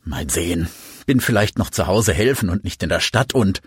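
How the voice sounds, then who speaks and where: A man's voice: low voice, animated, normal speed, husky, no room sound, clean studio sound, full character voice. A man reading an audiobook, voicing an evasive, guarded young man who speaks curtly and dismissively.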